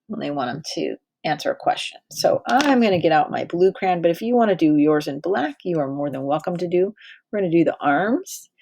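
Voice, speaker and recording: A woman's voice: low-pitched, vocal fry, a little mellow. Woman teacher walking little kids through a drawing, patient and encouraging, about 30s. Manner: patient, encouraging, talks to small children. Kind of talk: directed drawing lesson for young kids.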